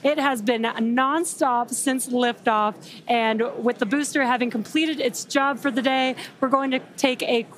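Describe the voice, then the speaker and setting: Woman with a high voice, breathless and thrilled, hosting a launch stream. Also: a little slow, few pauses, a little hiss or hum. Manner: breathless, excited, laughing between words. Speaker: webcast host. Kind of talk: live launch commentary.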